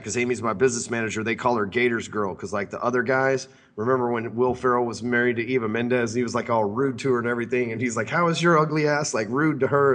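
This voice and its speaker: Guy in his 30s running a sales podcast, loud mouthed and swearing a lot, just rambling on. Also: medium pitch. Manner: brash, profane, rambling. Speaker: podcast host. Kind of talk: casual profane podcast talk.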